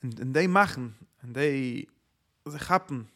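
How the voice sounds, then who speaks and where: A man with a gravelly, creaky voice of middling pitch lectures on Talmudic sources as a Torah teacher. He talks emphatically, pushes rhetorical questions, and swings between loud bursts and quiet asides. He slips English words into his speech. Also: unhurried.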